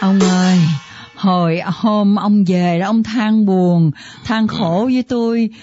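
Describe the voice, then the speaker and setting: A woman's voice: mid-range voice, fairly even intonation, slow pace, close to an everyday voice. A woman playing a middle-aged mother who pleads with her dead husband's spirit. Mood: pleading. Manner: pleading, repeats the address "ông". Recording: muffled lo-fi with loud music.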